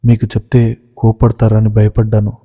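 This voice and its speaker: A man's voice: fairly low pitch, completely flat delivery, moderate pace, slightly rough. A man reading as a guilty, pleading young wife. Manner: pleading, apologetic. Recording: reverberant, dull lo-fi recording.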